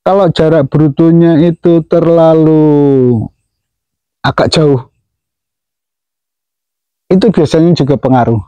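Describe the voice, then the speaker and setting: Man chatting, mellow voice. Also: a little high, steady tone, takes it slowly, long pauses, clean tone, no echo, low-quality recording. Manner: imitates whooshing wing sounds, chuckles often. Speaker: pigeon keeper explaining to viewers. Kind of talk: casual explanatory talk.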